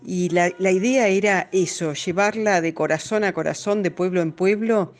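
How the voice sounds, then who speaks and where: A woman's voice: fairly low pitch, moderate pace. A woman, a musician and music educator answering interview questions in an earnest, explaining way.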